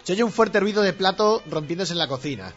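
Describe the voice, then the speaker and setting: A man telling jokes in a teasing, animated way, acting out the voices in each joke. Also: high voice, fast, muffled recording, soft background music. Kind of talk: casual joke-telling contest.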